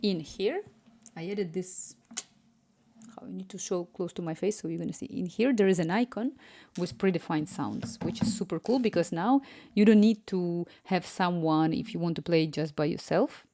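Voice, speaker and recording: At a normal speed, a woman talks in a mellow, lowish voice. Streaming live as an app developer from a room at home, she carries a Ukrainian accent with Spanish influence, and she's talkative and distracted, reading out the chat and murmuring quietly to herself while writing code.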